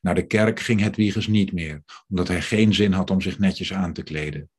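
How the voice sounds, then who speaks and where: A man reading aloud from his novel in a measured, steady way. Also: deep voice, slightly rough. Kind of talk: literary reading.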